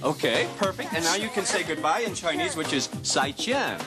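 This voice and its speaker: A man's voice: on the high side, lively intonation. A man presenting a children's show in a playful, exaggerated, joking way, drawing out his words. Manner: exaggerated, jokey, drawn-out words. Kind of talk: playful comedic teaching. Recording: music behind voice.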